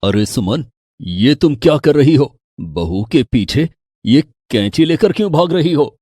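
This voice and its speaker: A man's voice: medium pitch, sing-song, unhurried, warm tone, slightly rough, no room sound, clean studio sound. A man voicing a stern older father-in-law in a cartoon story, questioning in alarm.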